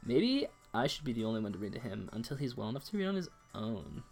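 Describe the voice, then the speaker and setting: A man voicing an earnest young woman, the heroine of a romance game, in a polite falsetto. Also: sing-song, fast talker, creaky, a little mellow, husky, soft background music, heavily acted.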